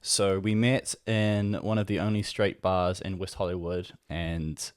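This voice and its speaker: Male podcast guest, thirties, broad Kiwi accent, fairly deep voice, dry recording, casual banter. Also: flat delivery, a little slow, clean tone, dry recording. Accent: strong New Zealand. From New Zealand.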